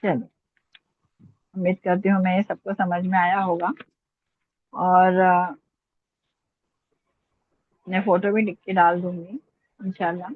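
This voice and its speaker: A woman's voice: lowish voice, little pitch movement, takes it slowly, long pauses, no room sound. A woman teaching an online Urdu vocabulary class, patiently repeating words and asking her students questions. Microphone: online class call. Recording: tinny phone-line audio, dry.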